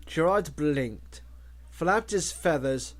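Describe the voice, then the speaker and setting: Man, audiobook reader, slow unhurried pace, lively pitch. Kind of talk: audiobook reading.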